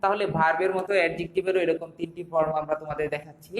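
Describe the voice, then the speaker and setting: A young male teacher with a Bangladeshi accent walks his students through a lesson, asking rhetorical questions as he goes. His voice sits high for a man. The recording carries a roomy echo with a long, lingering reverb. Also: fairly even intonation, rapid-fire. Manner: explains step by step with rhetorical questions. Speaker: English teacher. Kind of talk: online classroom lesson.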